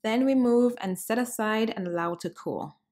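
This cooking show host is a woman in her thirties from Cameroon, talking straight to her audience in a cheerful, chatty way from a sunny room at home. Her pitch is slightly high and her pace moderate.

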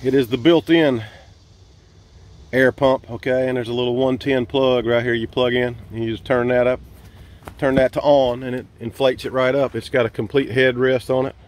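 A man's voice: medium pitch, flat delivery, normal speed. Easygoing man touring his tent campsite. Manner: easygoing, folksy, hesitant with fillers. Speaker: vlogger giving a campsite tour. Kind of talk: casual walkthrough narration. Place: campsite outdoors and inside a large tent. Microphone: handheld camera mic, filming himself walking.

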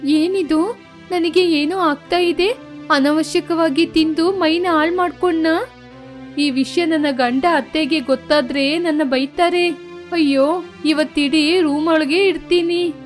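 Whiny, silly young wife, high voice, animated story, woman doing it. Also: measured pace, soft background music. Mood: pained. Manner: whiny, complaining. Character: greedy silly young daughter-in-law, noodle-obsessed.

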